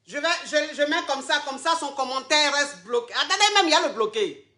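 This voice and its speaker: A high, bright woman's voice on a live stream, exuberant and teasing, drawing out her words for emphasis. She sounds a little out of breath. The echo of a roomy space hangs around every sentence. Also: lively intonation, a little fast. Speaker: online coach, live streamer. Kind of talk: casual live stream chat to viewers. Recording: echoey room.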